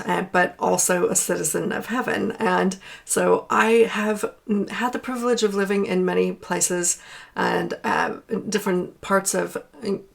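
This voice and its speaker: A middle-aged woman from Portland, Oregon, with an accent that drifts between American and British, telling her life story to camera in a chatty, halting way. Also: on the low side, creaky. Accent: mixed American and British. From Portland, Oregon, United States. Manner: warm, chatty, slightly halting with fillers.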